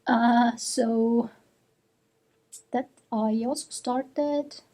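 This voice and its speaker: A woman chatting casually in a book vlog at home, sick with a cold and a sore throat, talking haltingly with lots of fillers. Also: fairly high pitch, steady tone, warm tone. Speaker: book vlogger. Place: home room with bookshelves, indoors.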